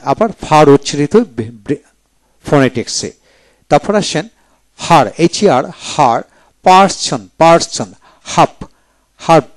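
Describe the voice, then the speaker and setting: A male teacher giving a video lecture on English pronunciation, spelling out each word letter by letter and then saying it slowly several times. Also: fairly high pitch, dry recording.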